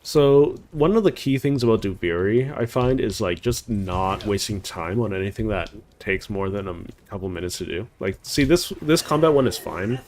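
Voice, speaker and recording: A man's voice: on the low side, lively intonation, moderate pace, few pauses, a little mellow, slight background noise. A man giving casual gameplay commentary as a streamer, rambling with many "like"s and "uh"s. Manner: rambling, heavy on "like" and "uh".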